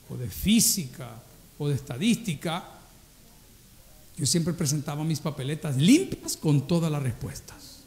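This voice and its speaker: A Salvadoran-accented pastor preaches with a fairly high voice, swinging between jokes and earnest appeals. He tells stories with humor and acts out the voices of the people in them. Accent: Salvadoran Spanish. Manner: lively, humorous storytelling that acts out dialogues. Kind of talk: sermon.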